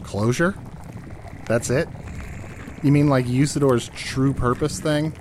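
A man's voice: medium pitch, fairly even intonation, slow pace, natural voice. A man playing a hapless, sarcastic captive in a fantasy audio comedy, talking in a casual, wry way. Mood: wry, defiant. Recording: clear background noise.

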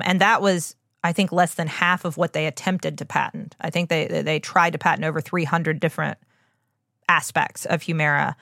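A woman's voice: low voice, vocal fry, a bit bright, no room sound, studio quality. A woman co-hosting a podcast as a doctor, explaining things conversationally with informal, emphatic asides.

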